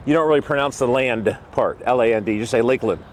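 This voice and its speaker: A man's voice: mid-range voice, fast talker. A man hosting a vlog, giving an enthusiastic, exclamatory walkthrough of a large antique store on a handheld camera mic. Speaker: vlog host. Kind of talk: casual walkthrough narration. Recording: noisy handheld store recording.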